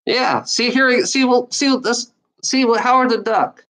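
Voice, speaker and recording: A woman streamer on the higher side of the pitch range, talking a little slowly in a fairly bright tone. Stuttering throughout, she rambles at chat trolls, repeating herself, restarting lines and swearing as she rants.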